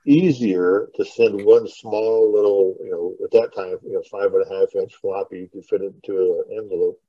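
Over dull, lo-fi online call audio with no room sound, a middle-aged podcast host reminisces casually. His low voice holds fairly even intonation at normal speed as he tells rambling, informal stories.

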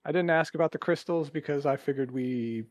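A man's voice: a little high, brisk, no echo. Laid-back man playing a tabletop game. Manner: easygoing, laughs often. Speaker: player. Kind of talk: casual game table chat.

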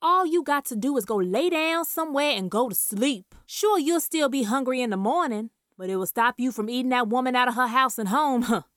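A woman's voice: high voice, expressive, a little fast, few pauses, a bit bright, no room sound, studio quality. A woman playing a folksy, blunt, churchgoing Southern radio advice auntie with a Southern US accent in a comedy sketch. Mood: folksy, reassuring. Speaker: radio advice show host.

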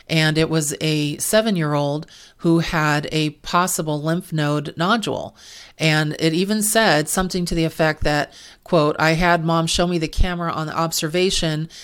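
A woman auditor talking through healthcare billing and compliance rules, frank and openly exasperated in her asides. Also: deep voice. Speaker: medical coding and compliance auditor.

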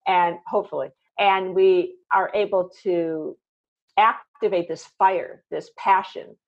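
A woman with a lowish voice talks in an unhurried, reflective way, circling her thoughts with plenty of fillers. The sound is dull and lo-fi, as if recorded on a modest setup. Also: steady tone. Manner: reflective, rambling with many fillers. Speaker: host. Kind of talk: casual conversation.

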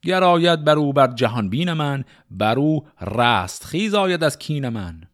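A man's voice: fairly high pitch, big pitch swings, pitched above the performer's own voice. A man voicing a bitter young warrior trapped in a pit, in declaimed epic verse.

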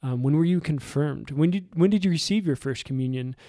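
A man's voice: fairly high pitch, brisk, no echo, studio quality. Reflective man podcast co-host. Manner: reflective, warm, repeats words when starting. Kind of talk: casual faith podcast chat.

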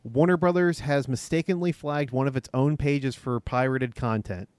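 A man's voice: medium pitch, moderate pace, a little mellow, no room sound. A man hosting a casual podcast, reading out news stories with frequent laughs and ums. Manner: reads stories with laughs and fillers.

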